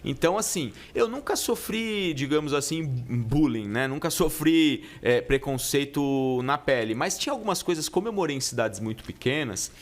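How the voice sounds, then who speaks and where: On a laid-back podcast, a guest pizza chef born in Italy, middle-aged, shares easygoing stories, using slang and often starting over. He speaks at normal speed with few pauses, his voice slightly high.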